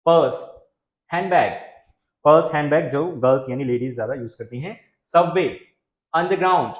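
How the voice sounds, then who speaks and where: Man teaching with a higher voice in an echoey room. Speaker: English teacher. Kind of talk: classroom-style lesson. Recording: echoey, muffled room recording.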